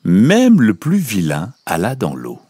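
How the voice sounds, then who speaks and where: A man narrating a children's story, slow and melodic. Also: fairly low pitch, wildly swooping pitch, dark tone, husky.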